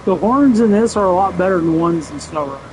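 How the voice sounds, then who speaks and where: Man, gaming channel host, casual gameplay commentary, joking asides, fairly high voice, truck noise behind. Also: animated, fast, darkish tone, low-quality recording.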